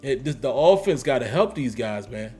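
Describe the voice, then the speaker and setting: A man's voice: mid-range voice, lively intonation, moderate pace, dark tone, soft background music. A man hosting a casual livestream, reading chat comments aloud and answering them emphatically with slangy repetition. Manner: emphatic, repeats phrases, slangy. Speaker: host reading live chat.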